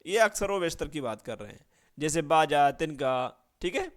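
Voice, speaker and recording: A man's voice: a little high, animated. A man giving an exam-prep grammar lesson, reading out word lists and checking in with his students after nearly every point. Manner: drills with constant "right?" check-ins and rhetorical questions; reads out word lists slowly. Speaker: Urdu grammar teacher.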